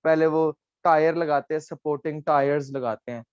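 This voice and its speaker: A man leads a live online class, explaining each letter patiently and checking that students follow. His voice sits a touch high and sounds close and dry. The call audio comes through dull and lo-fi. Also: steady tone, moderate pace, smooth, no room sound. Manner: patient, coaxing, mixes in English phrases. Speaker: online language teacher.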